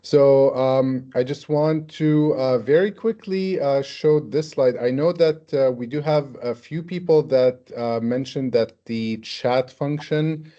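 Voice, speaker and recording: A man hosting and moderating a webinar over a video call, speaking in a hesitant, halting way. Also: medium pitch, mellow. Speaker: webinar host. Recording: dull video call audio.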